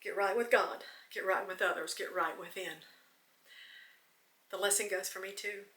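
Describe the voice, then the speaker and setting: A woman's voice: mid-range voice, steady tone, moderate pace, bright, forceful tone, distant mic. A woman hosting a devotional podcast, earnest and teary, repeating phrases for emphasis. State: teary, close to choking up. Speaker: podcast host. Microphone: camera recording. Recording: echoey room, voice off-mic.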